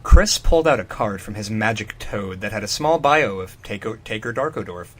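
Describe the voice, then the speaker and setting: A man co-hosting a comic fan fiction reading for a podcast keeps breaking off into amused, mocking riffs on the text. His voice is on the low side and a bit bright, animated and at a normal speed.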